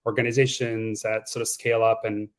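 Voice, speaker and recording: A man's voice: on the low side, flat delivery, brisk. Self-deprecating man speaking without slides. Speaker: founder and former product lead. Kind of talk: unscripted talk.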